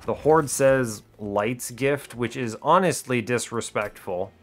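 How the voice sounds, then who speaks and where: Soft background music accompanies this slow-speaking man of medium pitch. As host of an educational gaming series, he muses out loud with relaxed, talkative commentary and a dry, breezy knack for understatement.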